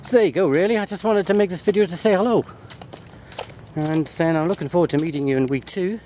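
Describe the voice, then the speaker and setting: A British man whose voice sits high yet has a dark tone talks quickly. He's a university lecturer filming himself off the cuff on a walk through botanical gardens, jokey and prone to digressions as he rambles. He uses a handheld wide-angle sports camera, and outdoor ambient noise from walking comes through.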